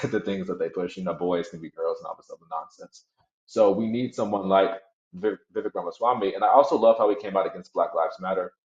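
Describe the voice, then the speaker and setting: A man's voice: deep voice, fairly quick. A man speaking as a guest in a casual political chat, blunt and emphatic, now and then laughing mid-sentence, over a video call. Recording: echoey, dull remote audio.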